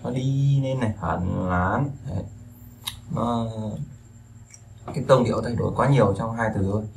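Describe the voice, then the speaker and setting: A man's voice: medium pitch, normal speed, slight background noise. A man teaching a language lesson in a casual, rambling way, with many fillers and repeated words. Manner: relaxed, rambling, with frequent fillers and repetitions. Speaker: Chinese teacher.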